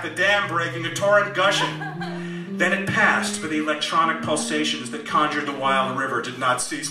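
A man reading his own novel aloud at a live club event, with dry, deadpan asides. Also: on the high side. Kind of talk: live comic fiction reading. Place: small music club. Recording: echoey club, mic at a distance.

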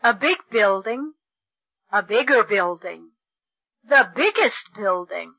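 A woman reading sentences for a school English textbook recording, enunciating slowly and precisely. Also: medium pitch, expressive, sharp tone, slightly rough, dry recording, muffled recording. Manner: slow, precise enunciation for learners. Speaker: textbook audio reader. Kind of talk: slow, clear textbook reading.

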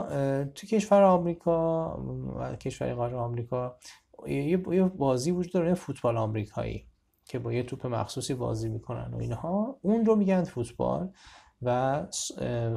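A man teaching a beginner English lesson, saying each example sentence slowly and clearly and then explaining it conversationally. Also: mid-range voice, dark tone.

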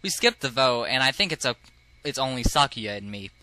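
A man's voice: mid-range voice, sing-song, brisk, pushed and bright. A man casually commenting as he plays through a dating game, chatty and giggly. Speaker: let's play host.

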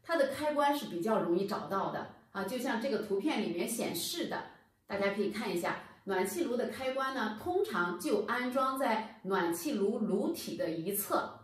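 Recorded from a distance in a very echoey room, a woman with a medium-pitched, expressive voice explains at a moderate pace. As an HVAC channel presenter in a plain room by a bare wall, she patiently instructs viewers directly.

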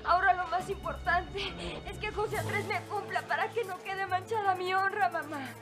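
A woman's voice: very high voice, normal speed. An actress playing a distraught pregnant young daughter who is crying and pleading insistently with her mother. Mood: tearful desperate. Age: young adult. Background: soap opera background music.

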